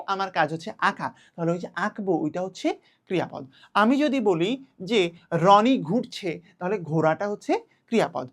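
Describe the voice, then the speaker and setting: A young woman teaching an online class to children, patient and repeating key words slowly. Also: medium pitch.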